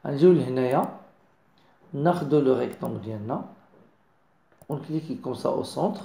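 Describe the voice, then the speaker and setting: Fast, gravelly Moroccan man explaining. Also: mid-range voice, lively intonation, dark tone, roomy sound. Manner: mixes French into explanations, keeps checking understanding. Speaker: design tutor. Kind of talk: screen-recorded software tutorial.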